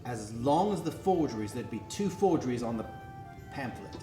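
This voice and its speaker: A man playing a brainy, cautious medieval forger in an improvised role-play, explaining his schemes excitably. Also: mid-range voice, normal speed, lightly acted. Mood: crafty. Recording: echoey room, music over the talk.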